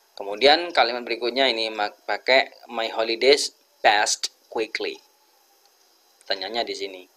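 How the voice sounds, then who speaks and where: A man with an Indonesian accent teaching English grammar, explaining each example slowly and deliberately. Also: on the low side, fairly bright tone. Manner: slow, deliberate, switches between two languages.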